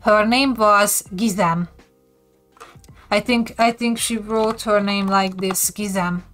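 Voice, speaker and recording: Casting note: relaxed woman streamer, slow easy talk, giggly, soft music underneath. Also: medium pitch. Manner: giggly, reacts to a video. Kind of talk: casual live-stream chat.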